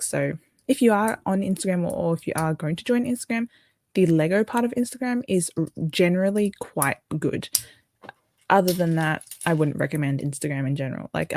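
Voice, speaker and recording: A woman's voice: on the low side, a little mellow. A young Australian woman chatting casually on a livestream, rambling and correcting herself as she answers viewer comments. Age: young adult. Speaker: livestream host.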